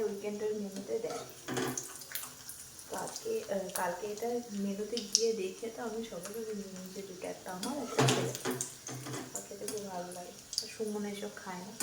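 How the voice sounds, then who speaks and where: A woman chatting casually in a home vlog, talking softly with lots of fillers. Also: mid-range voice. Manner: chatty, rambling with many fillers; talks softly so her sleeping son isn't woken. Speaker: vlogger. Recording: clear background noise.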